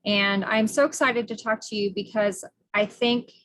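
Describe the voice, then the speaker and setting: A woman's voice: medium pitch, steady tone, normal speed, a bit bright, slight background noise. A middle-aged American woman hosting a podcast interview, speaking earnestly with frequent fillers and restarts. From United States. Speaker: podcast host. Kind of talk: casual interview.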